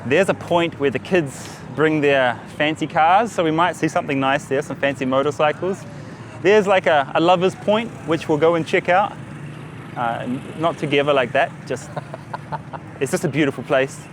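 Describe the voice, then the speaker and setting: A man's voice: on the high side, normal speed. A man giving casual travel vlog commentary as he moves around outdoors. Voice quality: speaks as a foreign visitor. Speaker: travel vlogger. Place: outdoors, busy beachfront and streets. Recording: outdoor street noise, passing vehicles.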